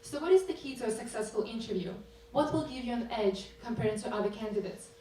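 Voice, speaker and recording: A woman from Russia giving a measured, earnest scripted presentation as a developer. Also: fairly high pitch, lively intonation, warm tone. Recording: echoey hall mic from a distance, faint hum.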